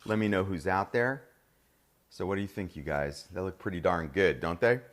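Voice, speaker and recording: A middle-aged man with a New Jersey accent hosts a live cooking demo. His voice sits on the low side, and he keeps an upbeat, chatty flow, talking directly to the people watching. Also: normal speed. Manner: upbeat, chatty, addresses viewers as "you guys". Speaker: cooking show host.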